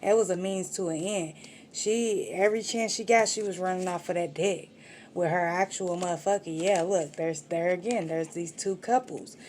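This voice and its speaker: A woman's voice: on the low side, normal speed, a little mellow, slight background noise. A woman giving a casual tarot reading, talking straight to the viewer in slangy, profane street talk. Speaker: tarot reader.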